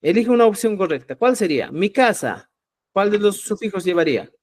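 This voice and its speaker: Guy teaching a live class online, slightly high voice, keeps asking if u follow, slow emphatic drilling. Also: lively intonation. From Peru. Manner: checks understanding with repeated "¿ya?". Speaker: Quechua language teacher.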